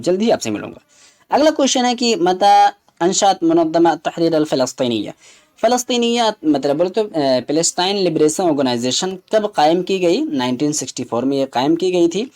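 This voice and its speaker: A man runs through exam questions, explaining each answer step by step. His voice sits a little high but sounds dark and mellow. He slips English terms into his teaching. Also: animated. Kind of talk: exam prep lesson.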